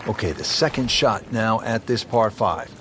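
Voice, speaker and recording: A man's voice: fairly low pitch, lively intonation, moderate pace. A man giving live golf commentary as lead announcer, in short, punchy phrases addressed to a co-commentator. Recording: loud outdoor crowd and ambient noise.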